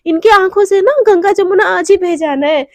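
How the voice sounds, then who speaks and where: A woman's voice: very high voice, normal speed, a little mellow, no room sound. A young woman voicing a cheeky, joking bride who whines and teases her mother. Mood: teasing, whiny. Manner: playful, whiny, teasing.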